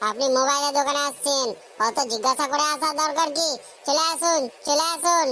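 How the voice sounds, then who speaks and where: A short-fused young shopkeeper from a cartoon comedy, voiced by a man, loud and scolding, pitched up very high. His voice sits over a faint hiss of noise. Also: steady tone. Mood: mocking. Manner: loud, scolding, quick to snap at customers. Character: hot-tempered young male shopkeeper Madan.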